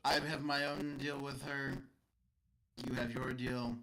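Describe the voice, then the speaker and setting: A man voicing a calm, courtly old vampire lord, speaking haltingly with many fillers. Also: medium pitch, close to an everyday voice, rough recording. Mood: cordial.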